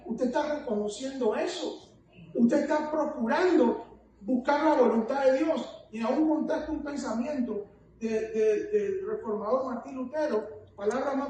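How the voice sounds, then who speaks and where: A woman's voice: sits high, warm tone. Fervent woman preaching in an echoey hall. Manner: fervent, keeps addressing listeners as "hermano". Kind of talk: sermon. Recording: echoey hall, distant mic, faint noise.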